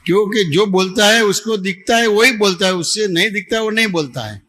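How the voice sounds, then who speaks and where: A man leads a satsang question-and-answer session as a spiritual teacher in a devotional gathering hall in Ahmedabad. His high, bright voice is brisk and forceful, yet he stays patient and repetitive, often checking that he's understood.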